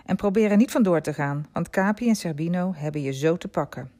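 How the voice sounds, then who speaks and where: A stern yet kindly older showman speaks firmly and then coaxes gently, with a low, grounded voice in a read-aloud storybook, as a woman narrator puts him on. His tone stays resolute but never harsh. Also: normal speed, natural voice. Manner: firm, then gently persuasive.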